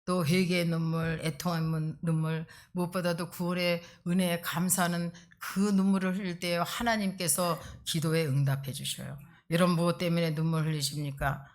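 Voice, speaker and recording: A middle-aged woman pastor delivering a sermon with a somewhat low voice. She preaches emphatically and conversationally. She keeps drawing the congregation in with quick rhetorical asides. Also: little pitch movement.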